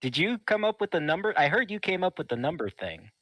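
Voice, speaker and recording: A man's voice: high voice, big pitch swings, fast talker, a bit bright, dry recording. A man chatting casually and improvising as a player in a tabletop role-playing game.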